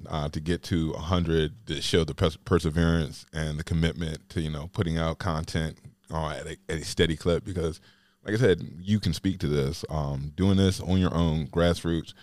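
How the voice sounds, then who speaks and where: A man's voice: deep voice, a little mellow, dry recording. A man hosting a podcast, chatting casually and rambling with lots of "like" fillers. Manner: rambling, heavy use of "like" fillers. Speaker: podcast host.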